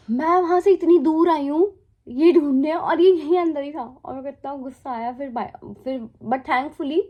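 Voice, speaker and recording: A woman's voice: on the high side, dark tone, lo-fi sound. A young Indian woman in her twenties, a flight attendant telling a storytime vlog in casual Hindi mixed with English. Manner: chatty, mixes English into Hindi, asides and laughs.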